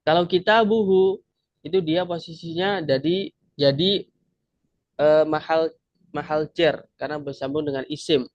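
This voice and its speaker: A man's voice: a little high, steady tone, unhurried, pauses often, no echo. A man teaching an Arabic grammar class online, patiently explaining step by step and repeating each word. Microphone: video call. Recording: dull lo-fi video call audio.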